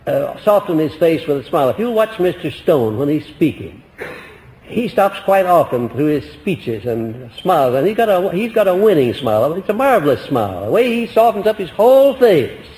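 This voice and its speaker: A man's voice: sits high, darkish tone, in a large hall, rough recording. Folksy, emphatic male motivational speaker. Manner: folksy and emphatic, swinging his voice up and down on purpose. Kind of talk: motivational lecture to a live audience.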